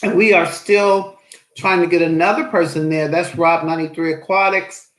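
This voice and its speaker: A woman's voice: lowish voice, steady tone, moderate pace, echoey room, poor audio. A woman hosting an aquarium channel in casual live-stream chat, cheerful and chatty as she greets viewers.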